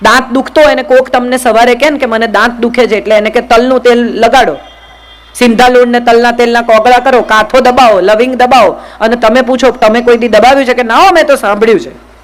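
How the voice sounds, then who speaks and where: A woman's voice: a little high, steady tone, a little fast, rough recording. Woman giving a motivational talk. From Gujarat, India. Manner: direct, questioning the audience, folksy examples. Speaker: motivational speaker. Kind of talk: public motivational speech to an audience.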